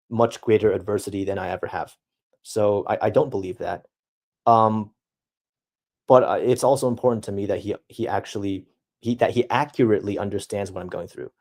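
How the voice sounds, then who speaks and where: A young man streaming, reading out chat messages and answering them in halting, reflective casual talk. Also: fairly low pitch, a little mellow. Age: young adult.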